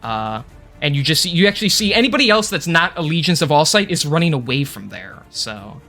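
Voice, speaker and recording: A man narrating a tabletop game as game master, improvising casually and haltingly. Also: on the high side, sing-song, sharp tone, soft background music.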